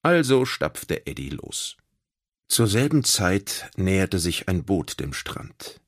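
A man narrating a children's audiobook in an expressive storytelling manner. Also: low voice, slow pace.

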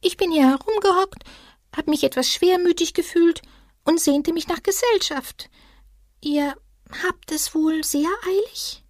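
A woman voicing a small, fearful, gloomy forest creature in a high, hushed, slow voice for a storybook. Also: no echo, clean studio sound. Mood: gloomy timid.

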